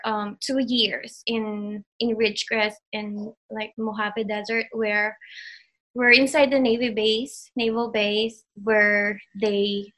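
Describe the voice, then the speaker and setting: Despite poor audio, this woman's voice comes through on the high side, bright and forceful. In her thirties, from the Philippines with Tagalog as her first language, she speaks in a Filipino accent during a casual interview about completing an online program, hesitating with frequent fillers and restarts.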